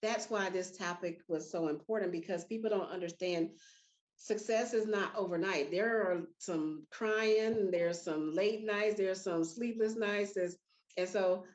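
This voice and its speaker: A middle-aged woman hosting a casual podcast chat, telling stories with lively voiced quotes. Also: mid-range voice, unhurried. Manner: animated storytelling with voiced quotes. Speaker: podcast host.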